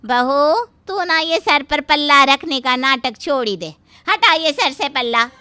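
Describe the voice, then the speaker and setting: A woman voicing a loud, nagging middle-aged mother-in-law in a cartoon story, scolding and wailing melodramatically. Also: high-pitched, animated, unhurried, no room sound, full character voice. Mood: angry. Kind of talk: cartoon voice acting.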